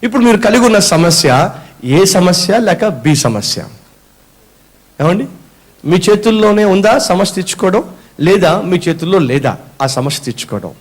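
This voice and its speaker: A male preacher with a high voice that swoops up and down as he works the room. He throws questions at the congregation, answers them himself and drops in English phrases along the way. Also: lively intonation, normal speed. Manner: acts out a whining complainer as an example. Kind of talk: sermon.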